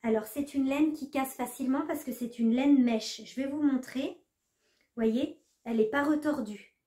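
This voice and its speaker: Woman, knitting vlogger, casual chat, hesitant fillers, somewhat high voice, echoey room. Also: moderate pace, warm tone. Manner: chatty, hesitant with many fillers.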